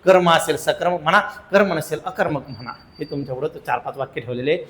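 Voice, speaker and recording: A man's voice: a little high, steady tone, fairly quick, fairly bright tone, reverberant, in a large hall. A man teaching an exam-prep grammar lesson, chanting rules over and over with strong emphasis and a singsong rhythm.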